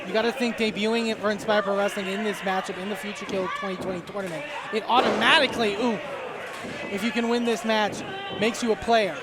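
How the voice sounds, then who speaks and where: A man doing live play-by-play wrestling commentary in an excitable way, punctuating his calls with exclamations. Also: high-pitched, fast. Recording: noisy venue with loud crowd. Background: crowd noise.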